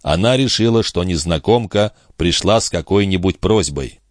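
A man narrating a novel aloud in a steady, measured storytelling manner. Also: sits low, no echo, studio quality. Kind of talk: audiobook reading.

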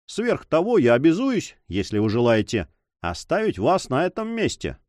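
A male reader voicing a scheming count, a prisoner who talks calmly and commands, in a storybook reading. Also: on the high side, no room sound, studio quality. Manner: calm, measured, commanding.

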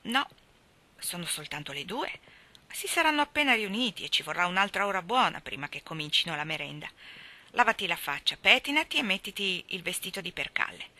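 A woman reading aloud, voicing a strict but fair older farm woman who speaks in a measured, solemn way. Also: on the low side, big pitch swings, bright, forceful tone, exaggerated voice. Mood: practical. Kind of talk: audiobook reading.

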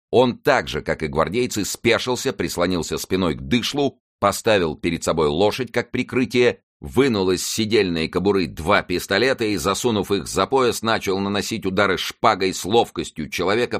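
Deep-voiced male audiobook narrator. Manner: lively, expressive reading. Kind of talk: scripted narration of a classic novel.

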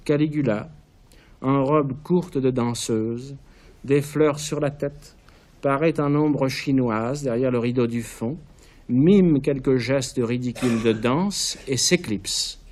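Guy reading out stage directions of his own play, even and measured. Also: mid-range voice.

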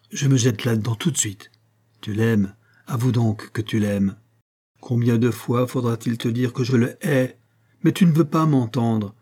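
Male reader doing a husky, defiant young peasant woman, raised and pleading. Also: mid-range voice, dark tone, natural voice.

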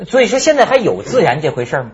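Raspy, high-pitched, animated male host. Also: very fast, dull audio. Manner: colloquial, questioning, thinking aloud. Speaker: talk show host. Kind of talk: casual panel discussion.

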